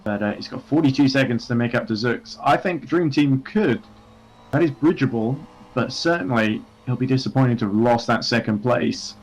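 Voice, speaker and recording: A man's voice: medium pitch, normal speed. A man giving live commentary on a sim race, working through gaps and strategy with frequent fillers.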